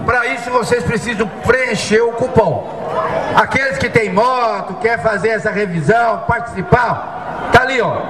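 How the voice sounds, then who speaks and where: A man's voice: very high voice, moderate pace. A man, a union secretary-general, calling out a prize draw to a crowd over a PA system at an outdoor festival stage. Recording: reverberant PA sound with loud background noise.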